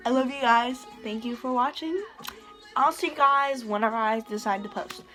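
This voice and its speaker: A woman's voice: a little high, moderate pace, bright, forceful tone, faint music behind, poor audio. A teenage girl telling a storytime vlog in rambling casual chat, with heavy "like" fillers and frequent swearing. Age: teens. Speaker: vlogger.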